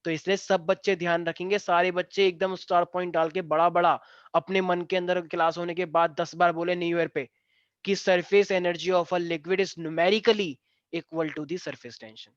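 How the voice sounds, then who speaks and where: A man's voice: high voice, little pitch movement, measured pace, no echo. A man in his twenties, a physics teacher running an online class, teasing his students between explanations. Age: 20s. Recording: dull dry online class audio.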